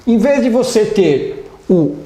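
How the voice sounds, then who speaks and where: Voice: medium pitch, sing-song, takes it slowly, mellow. A Brazilian teacher giving a live online English lesson who keeps checking in with the class. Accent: Brazilian Portuguese. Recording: roomy echo.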